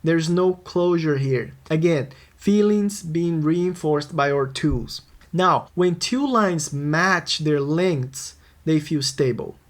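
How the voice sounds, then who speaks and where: A man's voice: a little high, slow pace. A man, a music producer, narrating a scripted songwriting tutorial and answering his own questions. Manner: explanatory, posing and answering questions.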